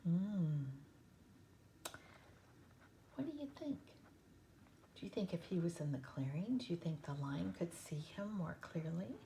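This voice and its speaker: A woman teacher reading a children's book aloud to her students, pausing to ask them questions and often dropping to a whisper. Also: on the low side, very animated, vocal fry, dark tone, a little hiss or hum.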